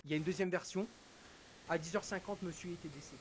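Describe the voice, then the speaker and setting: A male streamer recounting a personal loss in halting, emotional storytelling, his voice dropping to a hush and then rising again. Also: sits high, rough recording. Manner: halting, quotes dialogue, swings between hushed and raised. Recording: hissy background noise.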